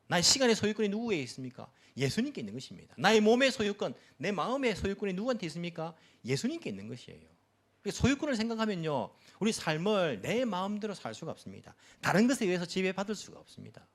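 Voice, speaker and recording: A man's voice: high-pitched, big pitch swings, quick pace. A male pastor preaching a sermon, emphatic, with many rhetorical questions and repeated phrases.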